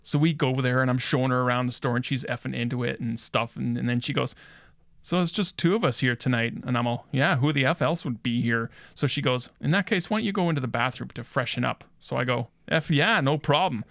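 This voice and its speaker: A man's voice: mid-range voice, fairly quick, vocal fry, a bit bright, no echo, studio quality. A man playing a crude, cocky guitar store owner who brags about rock and says 'effing' in place of swears. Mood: cocky boasting. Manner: swaggering, swaps swears for 'effing' and 'F'. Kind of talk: comedy character monologue.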